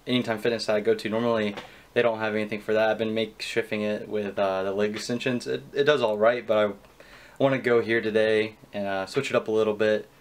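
Fast-talking young guy vlogging his day. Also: fairly low pitch, steady tone. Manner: chatty, loose and rambling with fillers. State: out of breath. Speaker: fitness vlogger. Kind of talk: casual vlog to camera. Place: at home, then at a gym.

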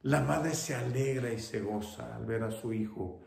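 A man's voice: medium pitch, moderate pace, gravelly, a little mellow, roomy sound. A man with a Mexican accent preaching an emphatic sermon as a pastor, slipping into English phrases. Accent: Mexican Spanish. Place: church sanctuary.

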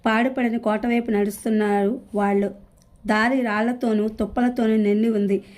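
A woman narrating a novel aloud in a steady, measured storytelling voice. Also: on the high side. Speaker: audiobook narrator.

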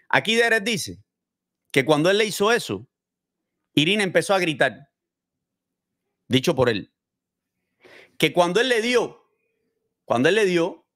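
Hosting a casual true-crime commentary on a criminal case, a man with a fairly high, slightly bright voice explains with gestures and poses rhetorical questions to his viewers.

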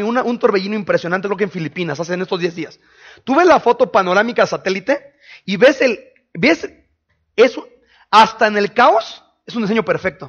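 A man preaching a sermon in a conversational way, firing quick questions at his listeners. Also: sits high, fairly bright tone, dull audio. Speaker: pastor. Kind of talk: sermon teaching.

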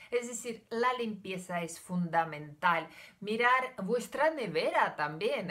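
This older woman's mid-range voice is bright and forceful. A Ukrainian vlogger whose native tongue is Russian, she has a Russian accent and talks to camera at home in a chatty, hesitant, casual way, her hands gesturing as she goes.

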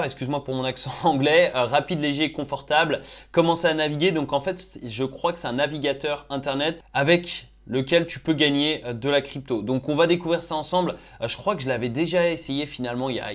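A young man chatting casually as he tries out crypto apps on his phone, thinking aloud with lots of fillers. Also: on the high side. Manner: chatty, thinks aloud with many "euh" and "du coup". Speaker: crypto YouTuber. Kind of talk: casual screen-recorded app review.

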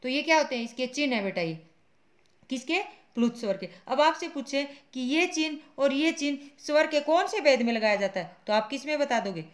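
A woman's voice: high voice, fairly quick. A woman teaching a Hindi grammar class online, who asks her students questions and answers them herself, calling them "beta" and repeating each point patiently. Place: school classroom.

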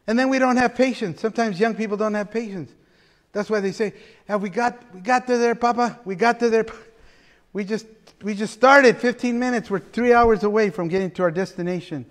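A middle-aged pastor delivers a sermon from the pulpit of a large church, his voice high for a man. He is animated and gestures as he preaches, joking around with playful humor and asides. A long hall reverb trails each phrase.

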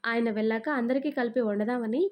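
Woman playing a dutiful young daughter-in-law, polite, soft-spoken, fairly high, mellow. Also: fairly even intonation, a little fast, natural voice.

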